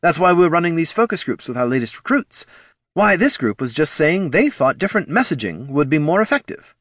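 A man's voice: on the high side, very animated, a little fast, fairly bright tone, dry recording, clean studio sound, voice pushed up. A man voicing a nervous, fawning undead male head of marketing who stammers. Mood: eager. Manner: jittery, stammering.

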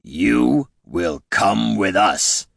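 A man voicing a proud, menacing male orc chieftain in an audiobook, with a gravelly voice and a slow, booming, commanding delivery. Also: very animated, no echo, clean studio sound, full character voice. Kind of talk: audiobook character voice.

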